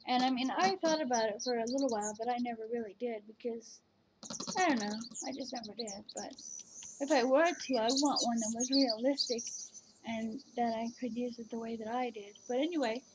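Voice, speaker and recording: A woman's voice: a little high, brisk, noisy background. A woman casually chatting at home at her computer, rambling and hesitant, with many fillers and restarts. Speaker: vlogger reviewing virtual canes. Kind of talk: casual chat.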